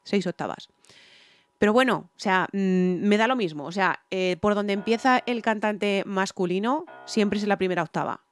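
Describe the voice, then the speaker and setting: A singer reacts to songs and analyses the vocals in a casual way, her mid-range voice moving at normal speed. She is emphatic and repetitive, restating phrases for stress. Faint music from the track comes through in the background.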